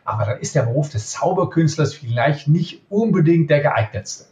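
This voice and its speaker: Middle-aged cologne guy, kinda high voice, emphatic, roomy dull recording. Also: moderate pace. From Cologne, Germany. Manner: emphatic, lively, frequent "ja?" tag questions. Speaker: magician. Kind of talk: interview answers.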